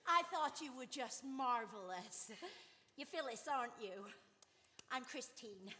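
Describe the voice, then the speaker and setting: A timid older former showgirl who speaks hesitantly. Her voice sits fairly high. It echoes in a theater with faint noise. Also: expressive, unhurried, pushed and bright. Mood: shy. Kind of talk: stage musical acting. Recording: theater stage with reverb.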